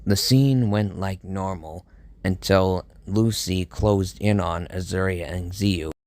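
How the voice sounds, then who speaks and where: A man narrating a first-person horror story in a measured, grim storytelling manner. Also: deep voice, a little mellow, dry recording, studio quality.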